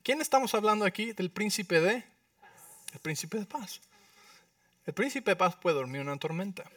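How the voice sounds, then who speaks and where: A man preaching a sermon as pastor, lively, often asking the congregation questions. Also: high voice, moderate pace, dry recording. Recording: dry sound, mic at a distance.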